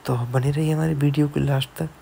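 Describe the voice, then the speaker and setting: A man who fixes mobile phones narrates a screen-recorded tutorial in voice-over, walking through each step and frequently checking in with the viewer while repeating "theek hai." His voice is fairly high and quick, with little pitch movement, a creaky yet mellow quality, and a faint hiss or hum.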